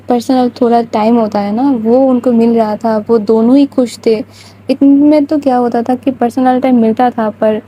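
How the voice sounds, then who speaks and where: Woman narrator, informal spoken storytelling, talks to listeners, slightly high warm voice. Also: breathy edge, low-quality recording. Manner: chatty, informal, direct address to listeners.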